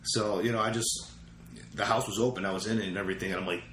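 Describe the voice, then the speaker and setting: Speaking at a quick pace with fairly even intonation, a man with a fairly low, fairly bright voice appears as a real estate investor guest. He casually shares stories in an interview, reenacting conversations through quoted lines. The sound is roomy and echoey, with faint ambient noise.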